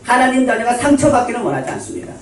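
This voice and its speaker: A man's voice: very high voice, very animated, racing, vocal fry, a little hiss or hum. A man preaching a sermon as pastor, asking his listeners questions and answering them himself. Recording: echoey hall, voice from far off.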